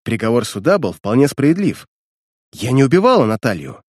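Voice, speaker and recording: A man's voice: medium pitch, very animated, fairly quick, a little mellow, husky, no echo, studio quality. A man voicing a defiant, vengeful female criminal as he reads a detective story aloud, in a threatening tone.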